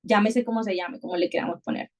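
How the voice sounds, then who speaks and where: Brief: woman host, mid-pitched, musing and self-correcting. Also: steady tone, fast talker, darkish tone. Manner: thoughtful, many restarts and repetitions. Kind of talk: reflective conversational podcast talk.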